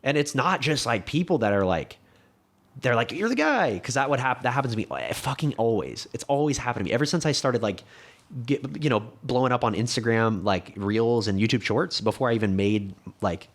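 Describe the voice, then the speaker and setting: A man's voice: mid-range voice, brisk. A young man with a slight lisp, a podcast guest talking casually and rambling, with lots of swearing and restarts. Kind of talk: casual conversation.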